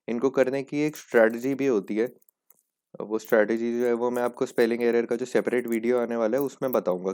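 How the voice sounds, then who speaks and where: Man, exam prep teacher, smooth clear voice, patient explanations, slow English examples. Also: fairly low pitch, darkish tone. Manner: explains patiently, repeats "ठीक है" often; reads English examples slowly. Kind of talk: casual Hindi-English lesson.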